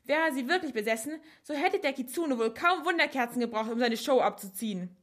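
A woman voicing a calm, clever young man who lays out his reasoning step by step. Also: sits high, fairly quick, voice pushed up. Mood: accusing.

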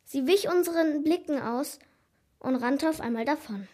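A woman narrating a children's story in an animated, dramatic first-person telling. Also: high voice, moderate pace.

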